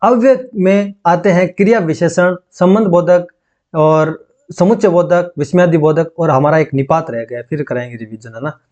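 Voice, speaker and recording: A man teaching an exam-prep grammar lesson, dictating slowly and repeating phrases so students can take notes, often checking in with them. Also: high voice, a little mellow, dull audio.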